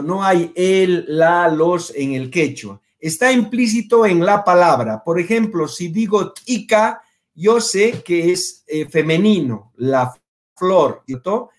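A man with a high voice runs a virtual language class. He is patient and repetitive, says each Quechua word slowly, then gives its meaning. He often stops to ask whether everyone follows. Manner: patient, repeats words and checks understanding with "¿ya?"; pronounces Quechua words slowly, then translates. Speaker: Quechua teacher. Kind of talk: online language lesson.

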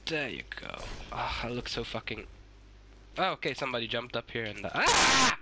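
A sick, hoarse man giving swearing, excitable let's-play commentary and shouting at the game. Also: mid-range voice, normal speed, noisy background. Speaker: gaming YouTuber.

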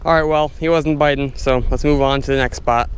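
A young man casually narrating his fishing from a stand-up paddleboard on a lake, chatty and excitable, talking to his viewers. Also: mid-range voice, brisk, smooth. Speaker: fishing vlogger. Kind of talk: casual outdoor commentary. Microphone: head-mounted action camera.

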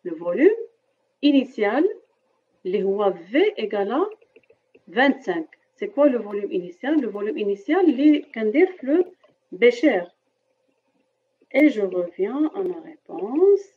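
A woman's voice: on the high side, very animated, moderate pace, pauses often, husky. A woman teacher with a Moroccan French accent, lecturing a chemistry class over a video call and explaining step by step while often checking that students follow. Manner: explains step by step and keeps asking "d'accord?". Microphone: computer mic on a video call. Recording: dull lo-fi video-call audio.

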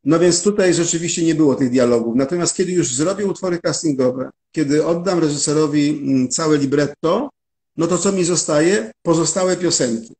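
A man with a somewhat high voice gives long interview answers. He explains his working process step by step, in a careful and methodical way. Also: moderate pace, darkish tone. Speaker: interview guest, musical translator.

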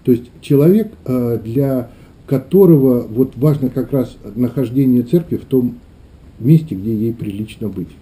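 A man's voice: medium pitch, expressive, normal speed, warm tone. A middle-aged man, a clergyman, giving reflective interview answers, often searching for his words. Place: small meeting room indoors.

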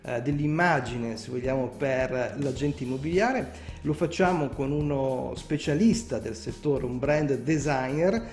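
A man's voice: medium pitch, measured pace, hardly any pauses, a little mellow. Italian man, host, video call, echoey room, faint music behind. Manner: hesitant, many filler sounds. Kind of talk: casual video call interview.

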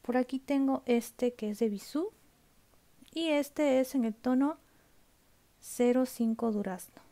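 A woman's voice: high voice, slow, mellow. A woman vlogging casually from home, showing her makeup collection, chatty and often checking in with her viewers, sometimes dropping to a whisper. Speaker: beauty vlogger. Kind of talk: casual product show-and-tell.

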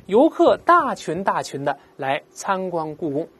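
In this vocabulary lesson, a female English teacher speaks in a lowish, husky, sing-song voice. Her explanations are patient, she says words slowly so students can repeat them, and "right?" comes up again and again.

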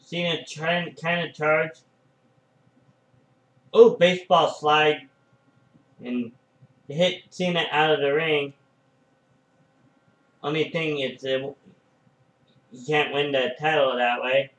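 Excitable man doing slow fan commentary. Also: on the high side, echoey room, poor audio. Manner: excitable, frequent "oh" and "uh" fillers. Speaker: fan commentating a wrestling match.

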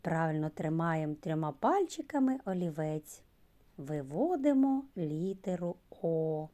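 A woman preschool teacher giving a slow literacy lesson to young children, stretching out sounds and key words. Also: low voice, very animated, dark tone. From Ukraine.

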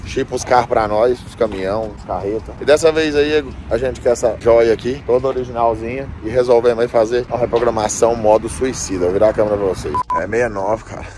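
A man's voice: medium pitch, fairly even intonation, fast talker, few pauses, darkish tone, a little hiss or hum. A man in his thirties vlogging on a phone held at arm's length, joking and rambling in slang. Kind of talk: casual vlog chat. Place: outside a shop at dusk, then inside.

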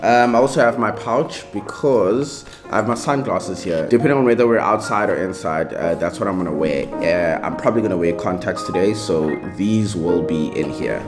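A man's voice: sits low, normal speed, hardly any pauses, music in the background. A young man, chatting casually to a handheld camera in a vlog, rambling with self-joking asides. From South Africa. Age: young adult. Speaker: vlogger. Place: home indoors, then an outdoor farm venue. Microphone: camera held at arm's length.

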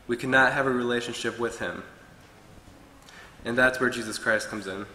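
A man's voice: mid-range voice, steady tone, moderate pace, bright, forceful tone, slight background noise. Earnest young man preaching in echoey hall. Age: young adult. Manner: earnest, reading from notes at a pulpit. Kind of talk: sermon. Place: church hall with wood-paneled walls. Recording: echoey hall with long reverb.

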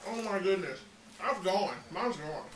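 A man speaks with his mouth full of burger in a casual, blunt way. His pitch swings widely. He sounds far from the microphone in an echoey room with a faint hum behind him. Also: lively intonation, measured pace, a crowd in the background. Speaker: food taste tester. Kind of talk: casual group chat. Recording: roomy sound from a distant mic.

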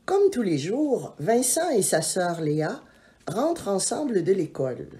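A woman reading a children's story aloud in an expressive, measured way. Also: mid-range voice. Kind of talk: scripted children's story narration.

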